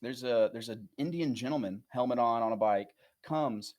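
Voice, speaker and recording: A man co-hosting a comedy podcast, telling a rambling, animated anecdote in casual chat with some swearing. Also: medium pitch, normal speed. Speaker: podcast co-host.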